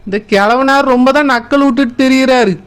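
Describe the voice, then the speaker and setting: A sassy younger sister in a village cartoon, played by a woman, who complains and grumbles at her teasing uncle. Her voice is high, with a Kanyakumari Tamil accent. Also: brisk, smooth, close to an everyday voice. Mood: pert. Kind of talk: cartoon voice acting.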